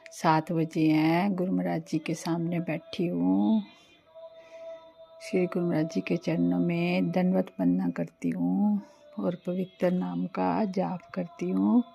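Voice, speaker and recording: An older woman giving a devout spoken testimony, slow and repeating her thanks, with faint music behind. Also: fairly low pitch, flat delivery, gravelly, warm tone. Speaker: devotee sharing a testimony. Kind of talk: devotional testimony with chanting.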